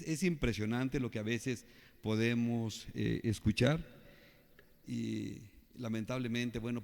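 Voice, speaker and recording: A male preacher with a Mexican Spanish accent giving a sermon in a church, slowing and rising as he reads scripture aloud and asking the congregation questions. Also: on the low side, creaky, darkish tone. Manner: slows down and rises when reading scripture aloud. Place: church hall. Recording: reverberant church hall.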